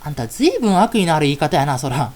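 A woman voicing a knowing, gossipy fairy girl who talks in a hushed, roundabout way with a Kansai accent. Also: deep voice, very animated, very fast, voice pushed down. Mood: exasperated.

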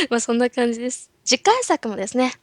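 Giggly high-voiced woman, husky tone. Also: sharp tone, dry recording, clean studio sound. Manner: giggly, laughs often, playful and chatty. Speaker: voice actress hosting a solo cast talk. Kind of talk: casual solo chat.

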